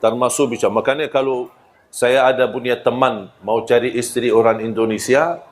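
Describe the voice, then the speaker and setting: A man giving a religious talk, telling personal stories in an animated way and often laughing. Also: mid-range voice, normal speed. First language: Arabic. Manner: animated storyteller who acts out quoted voices, laughing often.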